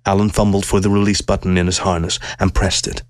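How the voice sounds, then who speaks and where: A man narrating a science-fiction story aloud with steady, measured storytelling. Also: low-pitched, no room sound.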